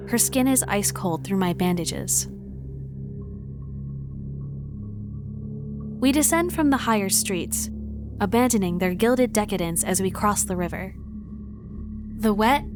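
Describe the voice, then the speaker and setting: In a visual novel fan dub, a woman voices a wary, determined traveler through measured, introspective first-person narration. Her mid-range voice sounds natural, with music underneath.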